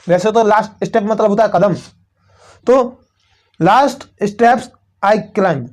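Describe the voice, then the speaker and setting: A male teacher with a North Indian Hindi accent goes through a poem line by line. His voice sits high and he speaks at a slow, deliberate pace. He poses questions and answers them himself, repeating each point. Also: a little mellow. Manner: repetitive, asks and answers own questions.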